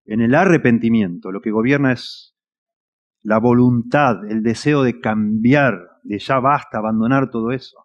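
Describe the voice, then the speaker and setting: A man's voice: mid-range voice, normal speed. A man with a Rioplatense Spanish accent preaching a sermon, his mid-range voice earnest and pressing. He builds to emphatic points. The church recording sounds a little muffled. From Argentina. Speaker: pastor.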